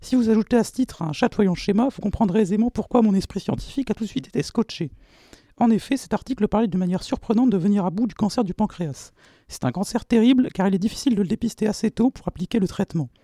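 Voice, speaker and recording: A man's voice: high-pitched, quick pace, dark tone, no echo, clean studio sound. A young man reading a scripted science segment for radio. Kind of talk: scripted narration.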